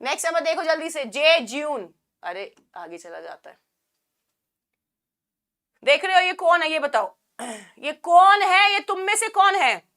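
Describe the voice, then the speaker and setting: A young woman with a sore throat teaching an online vocabulary class, joking and firing quick questions at her students. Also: high-pitched, sing-song, bright, forceful tone. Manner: playful, jokey, quizzing students with quick questions. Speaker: English teacher.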